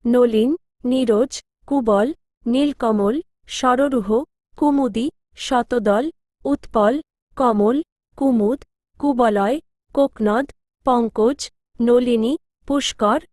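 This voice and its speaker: A woman with a high voice recites study word lists at a deliberately slow pace. Each term is given on its own, evenly. The sound is dry and close. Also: darkish tone, no room sound. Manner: measured, list-like, one term at a time. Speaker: teacher reading vocabulary lists.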